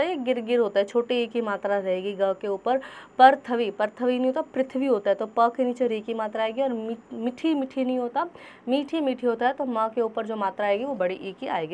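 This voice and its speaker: A woman teacher going through a children's textbook exercise, patiently spelling words out sound by sound. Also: a little high.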